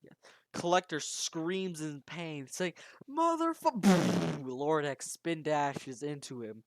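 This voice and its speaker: Dry, animated amateur storyteller. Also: mid-range voice, slow pace, no room sound. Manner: animated, dramatic narration with frequent restarts. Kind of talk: casual retelling of a fan-made horror story.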